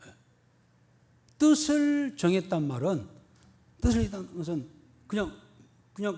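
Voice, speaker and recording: A man's voice: high-pitched, warm tone. A man who is the senior pastor, preaching a sermon emphatically with rhetorical questions and repeated key words.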